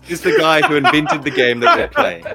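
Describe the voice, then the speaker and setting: A man's voice: fairly high pitch, huge pitch swings, normal speed, vocal fry, over loud music. A man with a New Zealand accent, chatting in a jokey, playful way as a podcast guest. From Christchurch, New Zealand. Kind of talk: casual chat.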